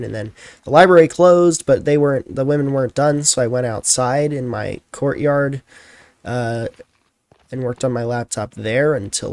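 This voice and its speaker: A man's voice: medium pitch, a little mellow, dry recording. A tired young man chatting casually as a streamer, telling a rambling story full of fillers.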